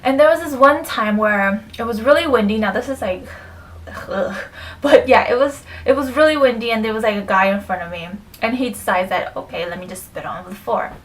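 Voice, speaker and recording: Chatty young woman vlogging, a bit high. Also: expressive, fairly quick, few pauses, distant mic, rough recording. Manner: chatty, many fillers, drops to near whisper. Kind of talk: casual chat to camera.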